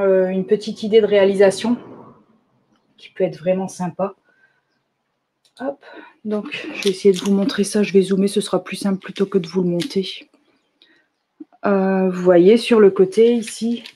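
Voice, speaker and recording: A woman hosting a live product demonstration for her shop, talking in an easy, chatty way. Her voice sits at a middle pitch, and she keeps up an enthusiastic flow peppered with small fillers. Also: warm tone. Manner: chatty, enthusiastic, fills pauses with "hop" and "euh". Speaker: shop owner presenting new products.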